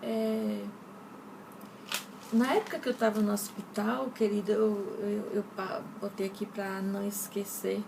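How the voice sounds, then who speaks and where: A woman's voice: medium pitch, level tone, a little slow, creaky. A woman from Brazil, earnestly telling a personal faith testimony in a rambling way and speaking straight to her listeners. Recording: distant mic with noticeable background noise.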